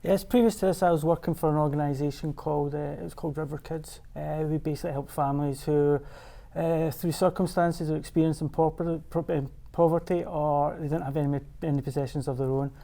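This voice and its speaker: A man's voice: on the high side, steady tone, a little fast, creaky, few pauses, dark tone. A middle-aged man with a Scottish accent, answering interview questions in a hesitant way, with many fillers and restarts. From Scotland. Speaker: executive director. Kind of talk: studio interview.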